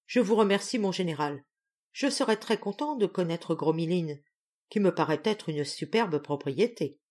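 A woman's voice: on the low side, animated, moderate pace, a little mellow. A woman voicing a loyal, devoted former soldier who answers his master politely in an audiobook. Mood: respectful. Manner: respectful, polite.

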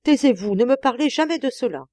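A woman's voice: high-pitched, animated, a little fast, darkish tone, dry recording, studio quality, voice pushed up. A woman reading an audiobook, voicing a lovelorn, tearful lady of the house who pleads and moans. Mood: alarmed. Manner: pleading, moaning, breaking into sobs. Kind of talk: audiobook character voice.

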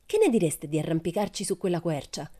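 A woman's voice: lowish voice, very animated, brisk, warm tone. A woman voicing a wild, cheerful, boastful girl in a storybook reading, brash and theatrical. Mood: playful boasting.

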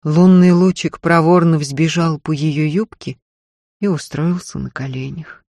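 A woman reading a novel aloud as narrator, in a quiet, subdued manner. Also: deep voice, steady tone, unhurried, gravelly, no room sound, studio quality. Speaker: audiobook reader. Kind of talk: literary narration.

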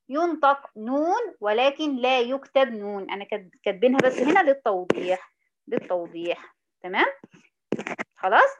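A woman with an Egyptian Arabic accent teaching a Quran recitation lesson, asking her students questions and drawing out the example words slowly. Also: on the high side, muffled recording. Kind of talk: informal tajweed lesson.

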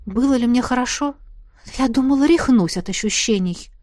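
A woman's voice: on the high side, moderate pace, darkish tone, no echo. Woman narrating an audiobook, dry and close. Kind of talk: scripted first-person narration.

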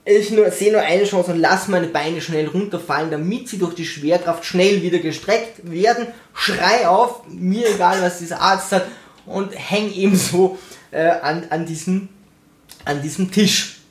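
A man's voice: high voice, unhurried. A young man telling a personal story in a casual, sarcastic way, acting out the voices of the people he quotes. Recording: roomy echo.

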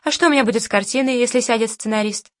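A woman's voice: fairly high pitch, racing, no echo, natural voice. A woman reading the part of a male screenwriter who answers bluntly and mockingly, in a dry recording. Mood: defiant.

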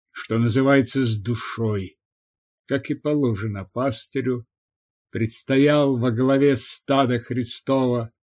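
A man narrating an audiobook in a measured, expressive scripted reading. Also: medium pitch. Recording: slightly dull lo-fi recording.

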